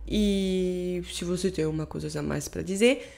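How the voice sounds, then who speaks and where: A woman's voice: fairly low pitch, moderate pace, creaky, darkish tone. A young woman from France speaking with a French accent, sounding stuffy from a cold, chatting casually and laughing as she hosts a reaction video. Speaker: YouTube reaction host.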